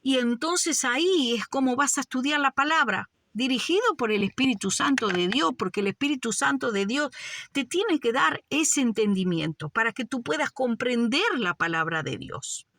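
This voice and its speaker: A woman's voice: high-pitched, lively intonation, normal speed, a bit bright, no echo, studio quality. A woman preaching a fervent sermon, often calling her listeners beloved brothers. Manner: fervent, addresses "amados hermanos" often.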